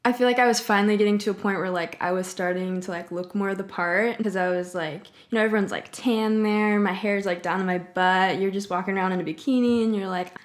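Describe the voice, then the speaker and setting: A woman's voice: mid-range voice, fairly even intonation, brisk, hardly any pauses. A woman in her twenties chatting informally and candidly as a singer-songwriter vlogger, with plenty of casual slang. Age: 20s. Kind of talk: casual personal chat.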